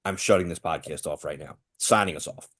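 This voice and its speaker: A man's voice: rumbling low, fairly quick. A man co-hosting a casual sports podcast, talking eagerly and upbeat. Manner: eager and upbeat, rising excitedly. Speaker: podcast co-host.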